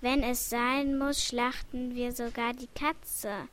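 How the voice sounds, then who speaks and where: A woman voicing a stout, brisk innkeeper wife in a slow read-aloud storybook telling. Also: on the high side, little pitch movement, fairly bright tone, slight background noise.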